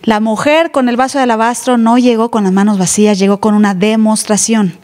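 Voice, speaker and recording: A woman's voice: fairly high pitch, steady tone, fairly quick, darkish tone. A woman pastor, preaching an emphatic, teasing sermon in church. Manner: emphatic, teasing, plays other voices. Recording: live church hall reverb.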